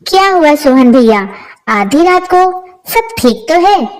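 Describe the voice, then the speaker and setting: A woman's voice: high-pitched, very animated, slow, pitched above the performer's own voice, full character voice. A woman doing an insolent young witch-wife. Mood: sweet. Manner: mocking, insolent, defiant. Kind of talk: storybook character voice.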